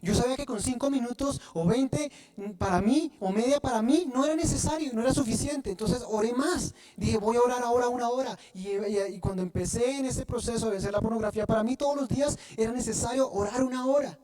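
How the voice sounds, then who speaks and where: A man preaching a sermon, often pausing to have the congregation fill in the word, and restarting phrases as he goes. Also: extremely high pitch, dark tone. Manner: asks the congregation to fill in words. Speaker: pastor.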